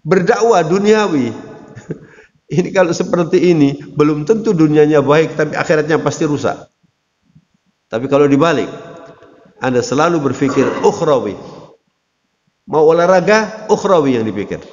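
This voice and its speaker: A man's voice: a little high, moderate pace, long pauses, darkish tone. A man giving a conversational Islamic sermon, addressing listeners directly. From Indonesia. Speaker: Islamic preacher. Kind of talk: religious talk to an audience. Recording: lo-fi recording in a reverberant hall.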